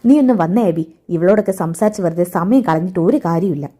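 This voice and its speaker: A woman reading the part of a spiteful middle-aged mother-in-law, sharp and dismissive. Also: on the low side, brisk, lightly acted. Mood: scornful.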